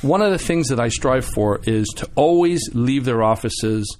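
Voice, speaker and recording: A man guest on a radio show, telling animated stories with many restarts and acted-out quotes. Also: mid-range voice, moderate pace, a little hiss or hum. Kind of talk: casual storytelling chat.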